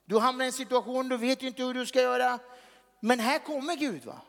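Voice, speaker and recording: A man's voice: very high-pitched, vocal fry, fairly bright tone. A man preaching a sermon in a chatty way, often tossing questions to the congregation. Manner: conversational, tags lines with questions to the audience. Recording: long hall reverb.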